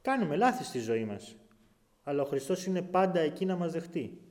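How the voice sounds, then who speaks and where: A man preaching a sermon, his voice rising loud when he tells the scripture story and dropping low for quiet asides. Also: very animated. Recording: long hall reverb.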